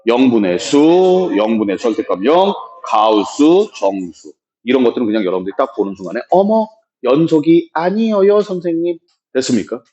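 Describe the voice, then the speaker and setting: A man's voice: lowish voice, a little mellow, lo-fi sound. A man teaching a math class in a lecture style, brusque and joking, often checking that students follow along. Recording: echoey room.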